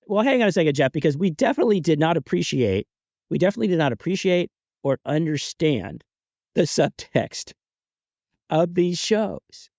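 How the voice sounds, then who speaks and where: Excitable rambling man, fairly high voice. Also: normal speed, no echo, lo-fi sound. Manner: excitable, rambling, laughing between thoughts. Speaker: podcast host. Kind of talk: casual chat. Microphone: home podcast mic.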